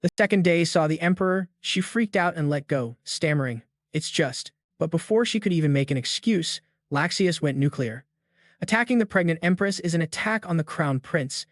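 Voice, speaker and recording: A man's voice: on the high side, lively intonation, fairly quick, dry recording, studio quality. A man narrating a comic story recap in a slangy, jokey scripted manner.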